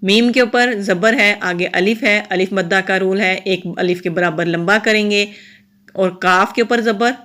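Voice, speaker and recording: A woman's voice: mid-range voice, fairly bright tone. Patient woman teaching recitation rules. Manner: patient, explains each letter and rule methodically. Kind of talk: step-by-step tajweed lesson.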